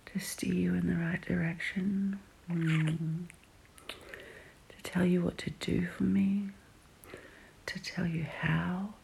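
A woman in an intimate whispered role-play as a dominant, doting lover, breathy and coaxing, right in the listener's ear. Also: on the low side, little pitch movement, a little mellow, a little hiss or hum, poor audio. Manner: slow, coaxing, sultry. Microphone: very close microphone.

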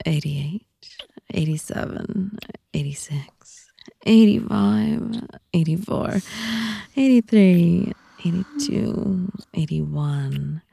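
Woman going real slow and teasy, breathy whispers, low gravelly tone. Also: mellow, dry recording, studio quality. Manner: slow, teasing, often whispered. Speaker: audio content narrator. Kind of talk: intimate adult audio roleplay, slow and teasing.

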